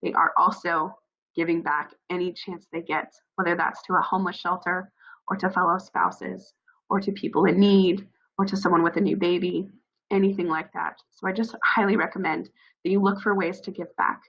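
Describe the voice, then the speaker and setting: A woman offers new military spouses informal, heartfelt encouragement, filling her speech with fillers; a cold has left her scratchy and froggy. She speaks at a moderate pace in a lowish, gravelly, husky voice that is a bit bright with little pitch variation, and the audio is dull.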